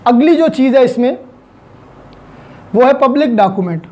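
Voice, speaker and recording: A woman with a Pakistani accent gives an explanatory online law lecture, teaching in a didactic way with everyday examples and English technical terms mixed in. Her voice is high, animated and warm, at a moderate pace. A little hiss or hum sits under the recording.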